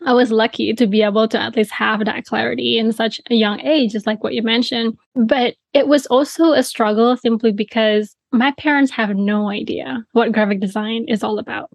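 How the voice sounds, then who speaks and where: A young adult woman from Bali telling her story as a podcast guest, animated, often adding "you know" and "right". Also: a little high, moderate pace, vocal fry, hardly any pauses, no echo. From Bali, Indonesia. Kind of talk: casual interview storytelling.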